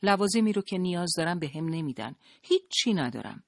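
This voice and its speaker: A storyteller voicing a small, impatient, defensive woman doctor in an audiobook, speaking louder and higher than the narration, in a dry, close sound. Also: very animated, gravelly, no room sound. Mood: exasperated.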